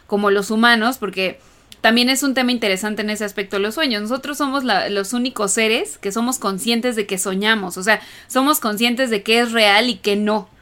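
A woman co-hosting a relaxed podcast conversation. Her voice is a touch high, and she muses aloud, stringing thoughts together with filler words. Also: moderate pace. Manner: chatty, thinks aloud with fillers. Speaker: podcast co-host. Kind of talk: casual podcast chat.

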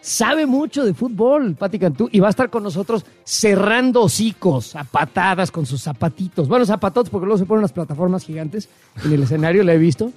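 Animated high-voiced Mexican man. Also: a little fast, dry recording, soft background music. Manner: sarcastic, animated, joking. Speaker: show host. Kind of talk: casual chat.

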